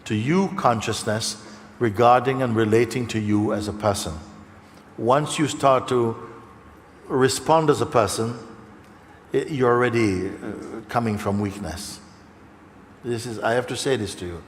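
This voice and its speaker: A man's voice: medium pitch, a little slow. Guy giving a spiritual talk to a crowd, chatty, keeps asking okay?, big echoey hall, bit of hiss. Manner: conversational, often checks in with "okay?" and "you see?"; acts out the voices of people he describes. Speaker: spiritual teacher. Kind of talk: spiritual talk to a live audience. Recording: long hall reverb, faint background noise.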